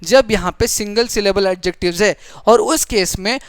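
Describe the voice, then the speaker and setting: A woman's voice: mid-range voice, moderate pace, no room sound. A woman teaching a grammar lesson in a patient way. She repeats her points and often checks that the class understands. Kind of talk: grammar lesson mixing Hindi and English.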